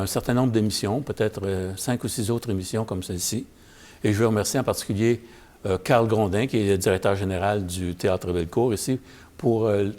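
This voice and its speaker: Guy hosting a casual interview, kinda low voice, hesitant, says uh a lot. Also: a little mellow. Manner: hesitant, many fillers. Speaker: host. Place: theatre lobby.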